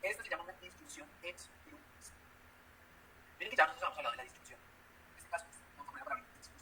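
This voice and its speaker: A man lectures on logic, quizzing his students with everyday examples. His voice sits high and sounds very bright. He talks fast, with a faint hiss of noise behind him. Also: animated, poor audio. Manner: explains step by step with everyday examples and questions. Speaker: math teacher. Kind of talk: classroom lecture.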